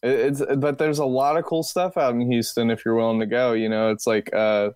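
A man's voice: mid-range voice, steady tone, fairly quick, a little mellow, smooth, dry recording. Rambling young man on a podcast. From Texas. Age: 20s. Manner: rambling, many fillers and restarts. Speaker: podcast guest. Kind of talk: casual podcast chat.

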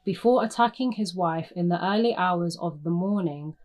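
A woman's voice: fairly low pitch, moderate pace, a little mellow, faint music behind. A woman hosting a true crime podcast, narrating bluntly with sarcastic, profane asides. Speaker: podcast host.

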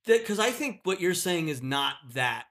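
Man, casual podcast chat, rambling, circles back, bright tone, a bit high. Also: big pitch swings, normal speed. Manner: rambling, circles back, trails off mid-thought.

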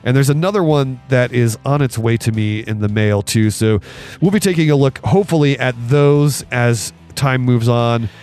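Raspy-voiced man with a cold, enthusing. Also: medium pitch, normal speed, darkish tone, faint music behind. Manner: enthusiastic, laughs often. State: hoarse from a cold. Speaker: podcast host reviewing board games. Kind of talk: casual podcast talk.

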